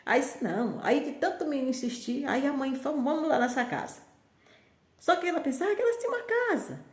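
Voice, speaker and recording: A woman's voice: sits high, sing-song, quick pace. A woman casually telling a folk tale in a rambling, conversational way. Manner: rambling, conversational with frequent restarts. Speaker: storyteller. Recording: roomy echo.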